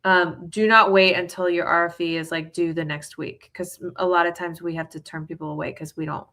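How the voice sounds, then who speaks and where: Woman, immigration attorney, lowish pitch, bright sound, chatty and reassuring answers. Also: fairly even intonation, fairly quick. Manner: casual, explanatory, frequent fillers. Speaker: immigration lawyer. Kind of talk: live viewer Q&A.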